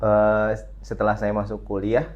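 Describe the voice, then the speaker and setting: A young man from Riau, a student leader and podcast guest, answering in a measured, thoughtful way with frequent filler pauses. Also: on the low side, completely flat delivery, highs cut off. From Riau, Indonesia. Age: young adult. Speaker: student body president, guest. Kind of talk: casual podcast interview.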